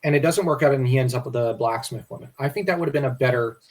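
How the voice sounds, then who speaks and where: A man's voice: medium pitch, rapid-fire. A man co-hosting a casual history discussion, rambling and restarting his sentences. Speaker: podcast co-host.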